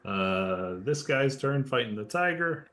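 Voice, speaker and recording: A man's voice: mid-range voice, lively intonation, slow pace, a bit bright. A man running a tabletop game as game master, explaining rules and narrating plainly.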